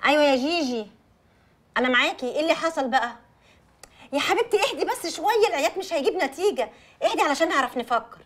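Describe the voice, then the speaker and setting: Soothing Egyptian best friend. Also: female voice, high voice, expressive, fast talker, a bit bright. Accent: Egyptian Arabic. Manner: soothing, juggling two phone calls. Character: calming young woman, the bride's best friend. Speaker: actress. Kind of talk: Egyptian TV drama acting.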